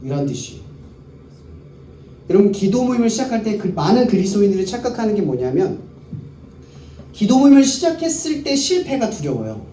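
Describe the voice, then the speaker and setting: A man's voice: high-pitched, very animated, a little fast, long pauses, warm tone. A male pastor preaching a sermon to a youth service, keeping the crowd engaged by asking them questions and answering them himself. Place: worship hall. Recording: echoey room, voice picked up from a distance, faint background noise.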